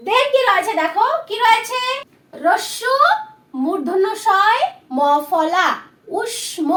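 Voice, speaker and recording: A woman teacher giving a patient spelling lesson at a board, repeating each word slowly for her learners. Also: very high voice, a bit bright, echoey room.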